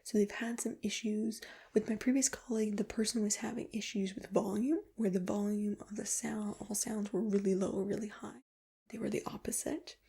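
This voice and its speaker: A woman doing a whispered role-play as an ear examiner, speaking in a breathy, gentle, reassuring whisper with close personal attention. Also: mid-range voice, fairly even intonation, normal speed. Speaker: ASMR performer playing an ear examiner.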